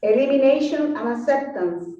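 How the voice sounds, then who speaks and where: A woman asking halting questions in a group discussion, sounding as if she is in an echo chamber. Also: high voice, lively intonation, dark tone. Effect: echoey, hollow sound as if in an echo chamber. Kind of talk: casual group discussion over video call. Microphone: camera on a TV set far from her. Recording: echoey, dull, distant video-call audio with faint noise.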